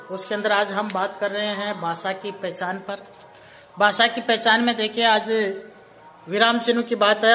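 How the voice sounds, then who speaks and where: A woman teacher giving a grammar lesson to young schoolchildren, explaining slowly and repeating each point. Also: mid-range voice, sharp tone. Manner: explains slowly, repeats words and reads out example sentences.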